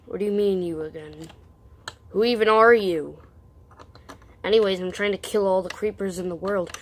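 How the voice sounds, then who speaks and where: A woman in playful game role-play, switching between whispers and shouts, with faint background noise. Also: mid-range voice, moderate pace.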